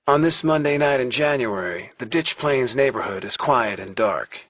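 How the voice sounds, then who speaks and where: Male audiobook narrator, wry first-person thriller, husky, dull lo-fi sound. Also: medium pitch, animated, normal speed, no echo. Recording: dull lo-fi recording.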